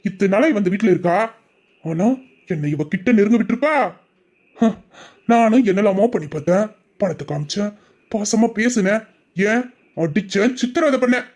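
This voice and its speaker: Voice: medium pitch, close to an everyday voice. A performer voicing a domineering, boastful young man with an obsessive streak, in an audio drama. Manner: boastful, menacing.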